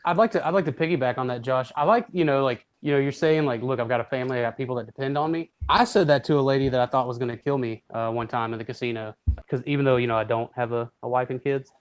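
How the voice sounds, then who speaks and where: A man hosting a podcast, chatting in a quick, rambling, casual way full of fillers. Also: mid-range voice, rough recording. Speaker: podcast host.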